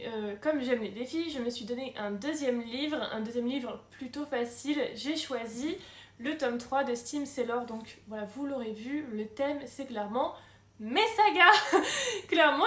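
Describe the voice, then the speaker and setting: A woman's voice: fairly high pitch, roomy sound. A young woman chatting casually about her reading plans in a book vlog, self-mocking and full of fillers. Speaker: book vlogger.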